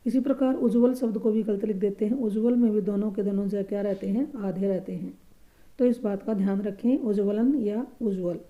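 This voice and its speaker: A woman teaching a grammar lesson for exam preparation, patiently explaining answers and repeating each correct word slowly and softly. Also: mid-range voice, fairly even intonation, phone-quality sound.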